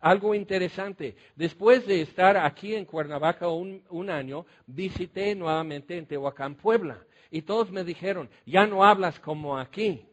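Mexican pastor, man, high-pitched, animated anecdotal sermon style, quizzes the congregation. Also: moderate pace, few pauses. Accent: Mexican Spanish. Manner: animated storytelling, asks the congregation questions. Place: church.

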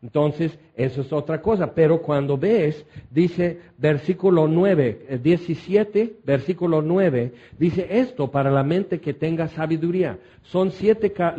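A man's voice: on the high side, dark tone, lo-fi sound. A man preaching a Bible teaching sermon, reading scripture and adding conversational asides to his listeners.

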